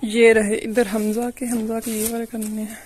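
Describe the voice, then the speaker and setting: A woman's voice: fairly high pitch, level tone, normal speed, a little mellow, a little hiss or hum. A young woman from Pakistan, rambling chattily through a home vlog outdoors in a sunny courtyard, filmed on a handheld phone. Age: young adult. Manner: rambling, chatty, leans on "you know" fillers. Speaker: family vlogger. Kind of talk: casual home vlog narration.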